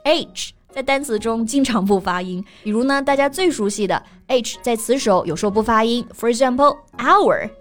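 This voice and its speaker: A woman co-hosting a casual bilingual English lesson, spelling words letter by letter and slowing down on English examples. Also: on the high side, expressive, faint music behind. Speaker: co-host of an English lesson podcast.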